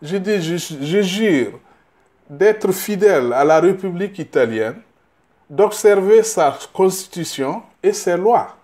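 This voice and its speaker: A middle-aged man from Burkina Faso answers interview questions as a candidate. He speaks slowly and haltingly, repeating small words while he searches for the next one. He grows emphatic on his key points. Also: high voice, expressive, a little mellow. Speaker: political candidate.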